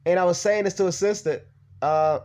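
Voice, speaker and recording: A man's voice: high voice, a little fast, darkish tone. A young man vlogging, telling a personal story in a blunt, heated, profane rant.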